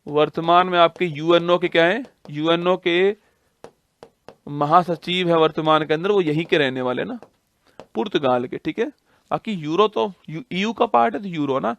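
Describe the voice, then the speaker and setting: Speaking at normal speed with vocal fry and a fairly bright tone, a man on the high side teaches online exam-prep geography. He drills the material by asking and answering his own questions and repeating the key facts many times.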